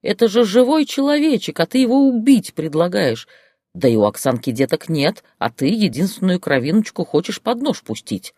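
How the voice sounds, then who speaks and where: A shrill old village grandmother shrieks and scolds, her voice leaping high and swinging wildly from line to line. The sound is close and dry, with no room around it. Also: very animated, moderate pace, a little mellow, no echo. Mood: indignant. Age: older.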